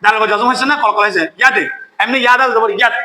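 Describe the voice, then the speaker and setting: Bright, high-voiced male recitation teacher. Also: fairly even intonation, reverberant, poor audio. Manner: quizzes students, often asks "কেমন?" to check understanding; chants verses slowly when demonstrating recitation. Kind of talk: classroom tajweed lesson.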